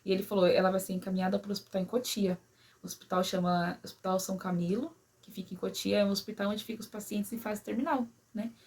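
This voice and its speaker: Breathy woman, emotional personal story, soft trailing asides. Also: mid-range voice, steady tone, quick pace. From São Paulo, Brazil. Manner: emotional, many "né?" and "sabe assim?" tags, quiet at sad moments. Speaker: vlogger.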